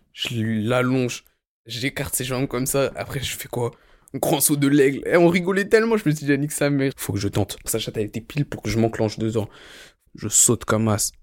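A man's voice: medium pitch, darkish tone, no echo, studio quality. A young man telling a crude story casually, in slangy rambling talk full of fillers.

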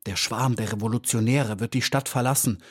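A man's voice: medium pitch, brisk, breathy edge, no room sound, clean studio sound, natural voice. Man doing agitated young drone bee. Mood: urgent. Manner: excited, urgent.

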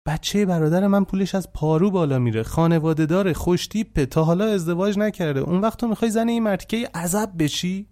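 A man's voice: sits high, few pauses, mellow, voice pushed up, lightly acted. A man voicing an indignant middle-aged stepmother who berates a girl in a mocking rant. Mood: scornful.

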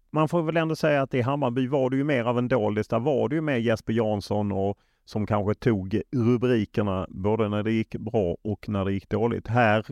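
A man's voice: medium pitch, darkish tone, no room sound, studio quality. A man working as an interviewer, putting questions in a conversational style.

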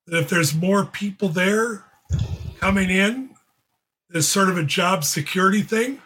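A man's voice: sits high, a little slow, bright, forceful tone, breathy edge, rough recording. A man in his seventies hosting a podcast, talking casually and joking as he asks pointed questions. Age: 70s. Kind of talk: casual chat.

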